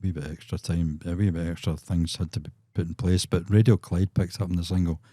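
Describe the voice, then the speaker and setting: Deep-voiced Glaswegian man in his sixties telling stories. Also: little pitch movement, quick pace, warm tone, no room sound, studio quality. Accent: Scottish, Glaswegian. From Scotland. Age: 60s. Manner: chuckling raconteur, acts out quotes. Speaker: musician guest. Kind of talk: anecdotal storytelling in a podcast.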